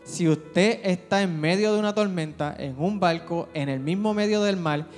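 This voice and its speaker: A man's voice: high voice, normal speed. A male pastor preaching a sermon with emphatic rhetorical questions, recorded in a church. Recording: church hall reverb with music.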